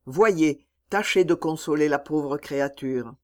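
A reader voicing a grief-stricken master of the house who gives curt, forceful orders. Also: medium pitch, a little slow, natural voice. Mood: stern.

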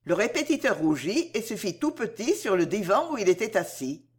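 A woman narrates a classic novel with expressive storytelling and a lively, wide-ranging melody. Her pitch sits in a middle register for a woman. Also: moderate pace, breathy edge. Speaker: audiobook narrator.

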